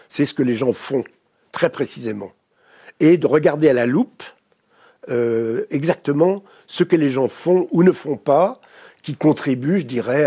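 A French man with a French accent, a therapist speaking as a guest in an interview, reflective and pausing often to search for words. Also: medium pitch, gravelly, dark tone, husky. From France. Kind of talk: studio interview.

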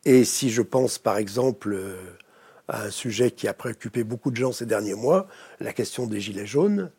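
A French man with a French accent, a therapist speaking as a guest in an interview, reflective and pausing often to search for words. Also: on the low side, creaky, warm tone, slightly rough. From France. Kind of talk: studio interview.

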